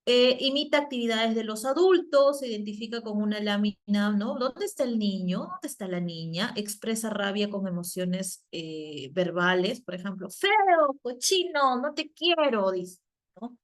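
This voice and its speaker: A Peruvian psychologist giving a virtual class on a video call, often asking the class questions and using many fillers and tag questions. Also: female voice, medium pitch, moderate pace, few pauses. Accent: Peruvian Spanish. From Peru. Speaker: psychologist and teacher.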